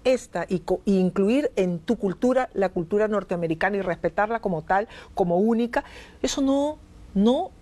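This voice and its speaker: A woman's voice: medium pitch, expressive, moderate pace, mellow. A woman from Peru hosting a heated TV talk show, insistent and interrupting with repeated demands. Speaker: host.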